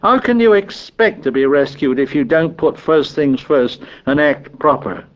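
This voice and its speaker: An indignant schoolboy, acted by a man, pitched well above an adult voice. He scolds and pleads in rough, ungrammatical British speech, urgent and fearful, as in an audiobook. The recording is a little dull. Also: lively intonation, a little slow. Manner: breathless tirade in ungrammatical working-class British speech.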